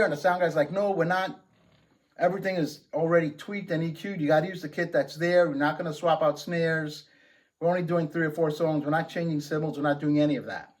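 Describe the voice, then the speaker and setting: A man hosting his own show, casually telling a story about his band and acting out the dialogue. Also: fairly high pitch. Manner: conversational, animated retelling with quoted dialogue. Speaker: host.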